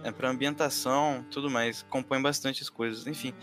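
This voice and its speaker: A man's voice: mid-range voice, moderate pace, soft background music. Slangy, laid-back man. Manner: slangy and laid-back, animated when joking. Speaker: co-host of a film review show. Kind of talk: casual chat.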